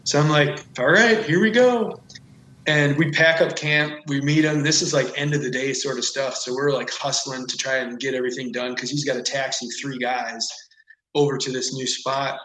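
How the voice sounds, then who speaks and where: A man's voice: medium pitch, moderate pace. A man as a podcast guest, telling a story casually and animatedly, with lots of "like" and "whatever.". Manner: animated, rambling with frequent "like" and "whatever". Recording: echoey room.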